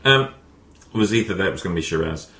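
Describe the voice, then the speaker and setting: A man's voice: low voice, expressive, fast, background noise. A man hosting a casual podcast, rambling with lots of restarts and fillers. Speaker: podcast host. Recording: echoey room, faint ambience.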